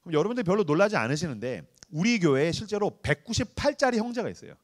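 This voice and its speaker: A man's voice: sits high, fast. A male pastor preaching to a youth retreat, talking casually, joking and acting out little dialogues. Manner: animated, acts out dialogues, joking slang.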